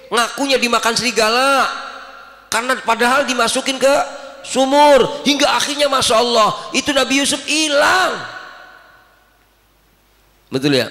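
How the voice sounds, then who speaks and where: A man preaching a storytelling sermon on the Quran in a mosque, speaking animatedly with sudden loud exclamations and questions to the congregation. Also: high voice, in a large hall. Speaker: preacher teaching Quran exegesis.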